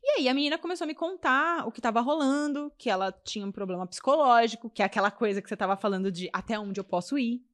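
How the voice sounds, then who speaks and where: Animated woman mentor telling stories. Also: fast talker, hardly any pauses. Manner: animated, acts out quotes, swings her pitch a lot. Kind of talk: casual podcast storytelling.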